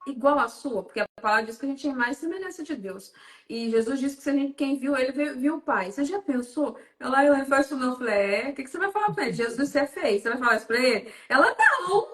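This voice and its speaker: Woman guest on a faith talk, lively storyteller acting out dialogue, high voice, roomy sound. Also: fast talker. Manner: animated storyteller, acts out dialogue. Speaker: psychoanalyst guest. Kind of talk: casual faith-based talk.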